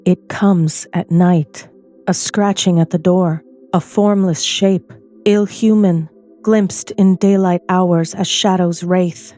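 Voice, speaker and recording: Slow, mellow woman narrating verse. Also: on the low side, fairly even intonation, soft background music. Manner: measured, poetic first-person telling.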